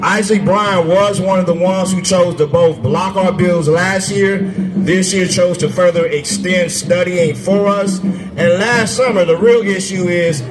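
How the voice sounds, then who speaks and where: A man running for office giving a conversational, forceful stump speech to a crowd at an outdoor festival. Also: high-pitched, fairly even intonation, unhurried, low-quality recording. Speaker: candidate for state assembly. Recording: music playing behind the speaker.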